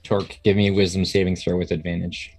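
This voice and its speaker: Male game master, low voice, improvising narration in a loose, conversational, stop-and-start style. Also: little pitch movement, darkish tone. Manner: casual, halting, conversational.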